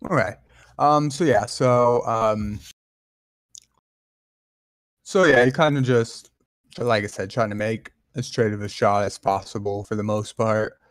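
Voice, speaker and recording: A man narrating as game master, halting with many ums and restarts. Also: lowish voice, fairly even intonation, no room sound, clean studio sound.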